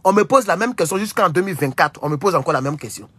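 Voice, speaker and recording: A young Ivorian man with an Ivorian French accent, hosting a casual livestream and talking in an animated, rhetorical way, often repeating his questions. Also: a little high, quick pace, husky, dry recording. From Côte d'Ivoire. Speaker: livestream host.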